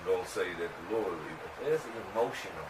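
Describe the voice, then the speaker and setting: A man taking part in a bible study, reading a verse haltingly and adding casual remarks and short agreements. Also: low-pitched, lively intonation. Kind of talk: casual group discussion. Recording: roomy room, distant mic, faint noise.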